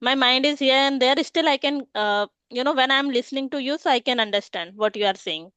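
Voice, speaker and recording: Smooth-voiced woman host. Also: high-pitched, fairly quick, a bit bright, dry recording. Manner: earnest, reflective, uses "you know" fillers. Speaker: podcast host. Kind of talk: casual podcast conversation.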